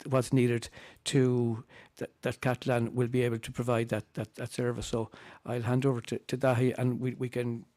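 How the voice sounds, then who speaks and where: Mellow, even-toned Irish man. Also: medium pitch, dry recording. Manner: halting, repetitive phrasing. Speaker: campaign speaker on a panel. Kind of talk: conference presentation, loosely spoken. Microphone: table microphone.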